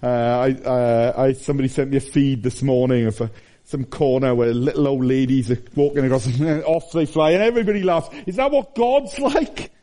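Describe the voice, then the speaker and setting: A middle-aged man preaching a sermon, animated, with his voice rising and falling for emphasis. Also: mid-range voice, brisk.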